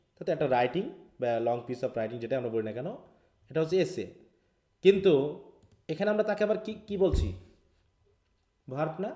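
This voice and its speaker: A man with a Bangladeshi accent leads a live linguistics lesson, walking through each point and checking in with his students. His voice sits a little high but sounds mellow and soft-edged. The sound carries an echo from the room around him. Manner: explains step by step, mixing English terms, asks students questions. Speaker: English linguistics teacher. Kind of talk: live online class lecture.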